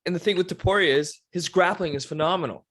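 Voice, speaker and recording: A man co-hosting a fight podcast in casual chat, reacting with excited emphasis. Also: high-pitched, quick pace. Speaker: podcast co-host.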